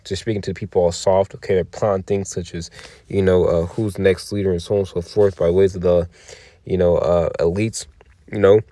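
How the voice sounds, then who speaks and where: A man with a low, mellow voice gives a loose, tired commentary on scripture. He swears freely, drops "okay" and "man" into every phrase, and keeps asking rhetorical questions. The sound is dry and close. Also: no echo. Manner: profane, peppered with "okay" and "man". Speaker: religious commentator. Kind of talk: casual scripture and news commentary.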